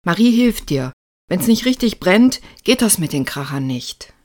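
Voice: mid-range voice, a little fast, no echo, studio quality, close to an everyday voice. Narrator doing Tim, a smug practical boy. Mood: commanding.

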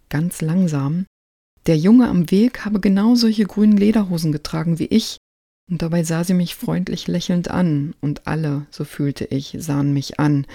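Podcast host reading a story out loud, gravelly voice, dry close sound, goes dramatic and yells the shouted bits. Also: medium pitch, no echo. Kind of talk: literary reading aloud.

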